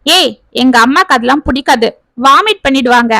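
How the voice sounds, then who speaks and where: A woman voicing an exasperated young husband who fires off quick, irritated questions in a storybook tale. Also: sits high, expressive, sharp tone, no room sound, exaggerated voice.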